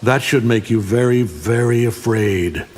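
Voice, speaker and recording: A man's voice: medium pitch, unhurried, lightly acted. A man playing an arrogant, ruthless alien conqueror in a fighting game, commanding and contemptuous, in long reverb. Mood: threatening. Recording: long reverb, faint background noise.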